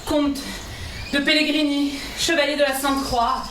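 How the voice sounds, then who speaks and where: A woman's voice: sits high, level tone, normal speed, lightly acted. A woman acting a young queen in a costume stage drama, formal and curious. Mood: formal, intrigued. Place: theatre stage in Paris. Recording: echoey stage, distant mic, noisy birdsong.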